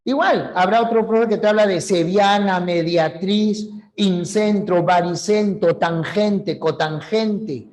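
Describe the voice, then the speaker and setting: A high-pitched man gives an online language lesson. He talks in an unhurried, deliberate way and explains terms to his students one by one. He addresses them directly, as if they were in the room with him. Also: darkish tone. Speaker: language teacher. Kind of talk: online class lecture.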